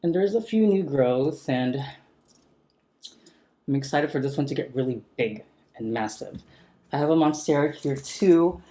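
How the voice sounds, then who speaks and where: A man talking casually while repotting a houseplant at home, gently enthusiastic, speaking into a sensitive close mic turned up for ASMR. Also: on the high side, expressive, unhurried, pauses often. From San Francisco area. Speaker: plant vlogger. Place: home room with a chandelier.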